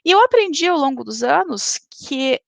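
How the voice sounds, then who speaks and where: Brazilian woman teaching a webinar, high gravelly voice, dry sound. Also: expressive, normal speed, no echo. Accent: Brazilian Portuguese. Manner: didactic, frequent "tá?" tag questions. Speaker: lecturer. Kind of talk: webinar lecture.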